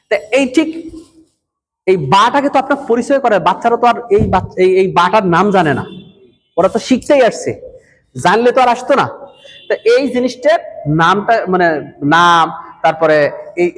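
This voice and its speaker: A man, training madrasa teachers in a lecture and repeatedly quizzing his audience. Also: high voice. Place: madrasa hall. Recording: echoey hall with long reverb.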